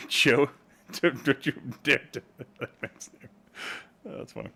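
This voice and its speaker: A man live-streaming a game, reacting excitably to each play, laughing often and chatting with viewers. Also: mid-range voice, slow, gravelly, slightly rough. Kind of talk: casual gaming live stream chat.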